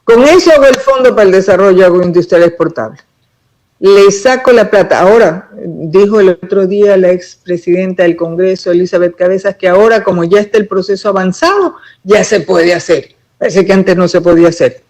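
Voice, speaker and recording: A woman's voice: medium pitch, fairly quick, a little mellow, poor audio. An emphatic woman speaks as a political pre-candidate in a casual interview. She talks at length, building each explanation point by point with conviction.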